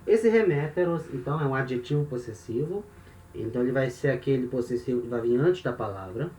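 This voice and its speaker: A man teaching a recorded lesson in a patient, steady way. He checks in often with short tag questions and slows down to repeat word forms. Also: mid-range voice. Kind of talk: recorded lesson explaining grammar. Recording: echoey room with faint noise.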